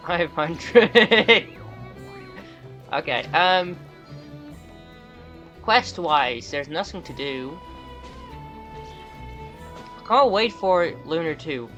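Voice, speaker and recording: A man giving casual, laid-back commentary while playing a game, with excited bursts. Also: fairly high pitch, drawn-out words, pauses often, dull audio, soft background music. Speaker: gaming streamer.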